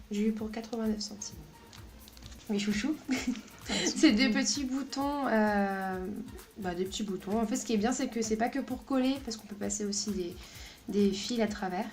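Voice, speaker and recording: Giggling and filling pauses often, a woman chats hesitantly through a casual craft haul and tutorial as the video's host. Her voice sits in the mid range and has a slightly mellow quality.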